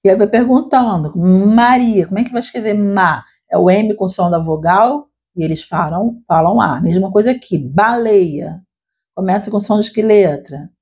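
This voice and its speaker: A woman literacy teacher explaining classroom activities to other teachers in a conversational way, checking in often with quick tag questions. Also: medium pitch, darkish tone, slightly rough. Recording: dull lo-fi recording.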